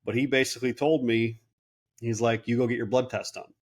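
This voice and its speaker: A man in his late thirties, a clinic owner appearing as a guest, talks at a fairly quick clip in a mid-range voice. In casual interview conversation he tells his story with animation, quoting other people in their voices.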